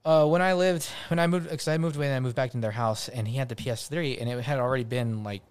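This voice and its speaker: A man with an ordinary mid-range voice co-hosts a casual podcast. He jokes around and tells his stories with lively energy. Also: mid-range voice, fast, smooth. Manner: joking, lively storyteller. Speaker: podcast co-host. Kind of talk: casual chat.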